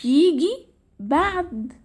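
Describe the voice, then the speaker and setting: Here a woman's high voice moves slowly but with lively intonation as she explains English grammar step by step. Her Egyptian Arabic accent is clear, the style is casual, and "تمام" comes up again and again. Fatigue shows in a slightly strained voice.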